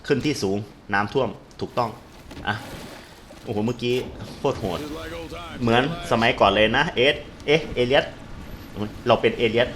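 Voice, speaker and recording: A man talks through a shooter game in a steady mid-range voice, throwing out excited, slangy reactions as he plays. Game gunfire and explosions roar clearly behind his voice throughout. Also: mid-range voice, normal speed, long pauses, slight background noise. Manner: excitable, loose slangy exclamations. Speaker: gamer translating a game into Thai. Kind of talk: live gameplay commentary. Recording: voice over loud game gunfire.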